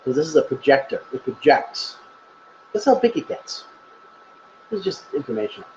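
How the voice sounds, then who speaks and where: A man's voice: fairly high pitch, big pitch swings, moderate pace, darkish tone, highs cut off, a little hiss or hum. A man presenting on a live stream, answering viewer questions in a chatty, rambling way and laughing at himself. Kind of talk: casual live Q&A. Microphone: webcam or laptop mic on a live stream.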